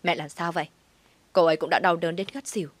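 A woman's voice: fairly low pitch, fairly even intonation, quick pace, no room sound, natural voice. A woman voicing a protective young husband who talks in a firm, consoling way.

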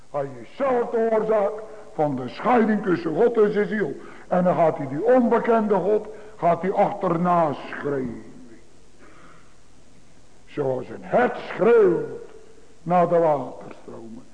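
A man's voice: high voice, a little mellow. A male pastor preaching a sermon to his congregation, with emphatic, repetitive phrasing. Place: church. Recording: tinny phone-like broadcast in a large reverberant church.

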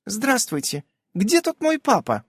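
Dude putting on a squeaky teen girl voice, blunt and bratty. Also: huge pitch swings, measured pace, fairly bright tone, breathy edge, no room sound, clean studio sound, exaggerated voice. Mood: cheeky. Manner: cheeky, outspoken. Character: blunt, lively teenage girl.

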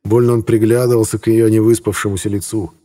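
A male audiobook narrator with a low, husky voice. He reads in a measured, even way. His tone is dark and mellow. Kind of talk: scripted narration.

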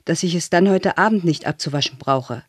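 A man's voice: on the high side, fairly quick, no room sound, clean studio sound, close to an everyday voice. A man reading a timid scolded boy. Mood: hesitant.

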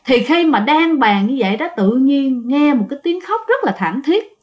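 A woman's voice: sits high, big pitch swings, moderate pace, darkish tone. A woman narrating listener-sent ghost stories in a chatty way, speaking straight to her listeners. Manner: chatty, addresses listeners directly.

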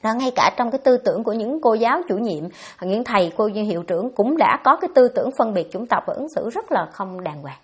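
A Buddhist nun giving a dharma talk, answering questions in a blunt, scolding way. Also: female voice, fairly high pitch, lively intonation, slightly rough. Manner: blunt, scolding, fast-talking.

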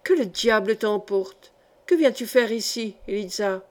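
A woman's voice: fairly high pitch, unhurried, darkish tone, natural voice. A woman reading a frightened, irritable old male monk in a storybook. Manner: irritable and fearful.

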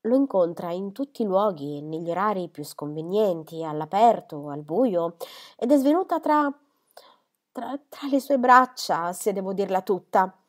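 A woman's voice: mid-range voice, expressive, a little slow, lightly acted. A woman reading the lines of an anxious older spinster lady who is fretful and tearful, speaking in a trembling, hesitant way.

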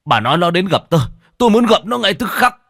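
Man doing grumpy old rich guy, deep and barky, bossy, horror audio story. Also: expressive, moderate pace, fairly bright tone, dry recording, clean studio sound. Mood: angry. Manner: gruff, barking orders. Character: wealthy old man, short-tempered and frightened.

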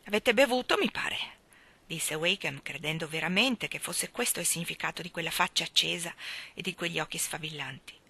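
A woman with an Italian accent reading a classic novel aloud, in an expressive, dramatic way. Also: low-pitched, a little fast, creaky, breathy edge. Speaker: audiobook reader. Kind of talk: literary audiobook narration.

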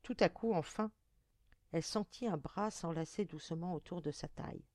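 A woman narrating a folk tale in a measured, expressive reading voice. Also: lowish voice, dry recording, studio quality. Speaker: audiobook reader.

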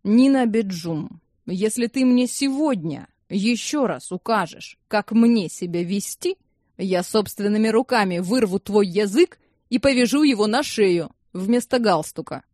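A woman reading an audiobook, voicing a sardonic older man who speaks in slow, elaborate sentences. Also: medium pitch, a little mellow, no room sound, studio quality, lightly acted.

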